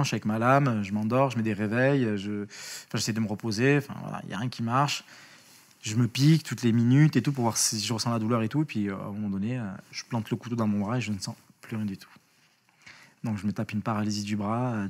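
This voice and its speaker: A man speaking as an interview guest, telling a story in a casual, lively way, with slang, swearing and many restarts. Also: fairly low pitch, quick pace.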